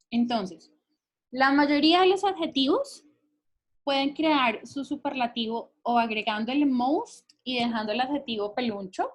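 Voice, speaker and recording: A woman teacher explaining English grammar rules patiently, often checking that her students follow along. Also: high-pitched. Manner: patient, checks understanding with frequent questions. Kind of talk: recorded grammar lesson explaining in Spanish.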